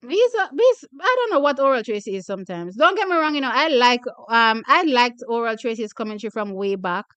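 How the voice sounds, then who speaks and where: Very animated and fairly quick, a young woman from Jamaica with a slightly high, bright voice chats with her track and field audience and reads their comments. She laughs often and repeats herself, and the sound is clean without echo.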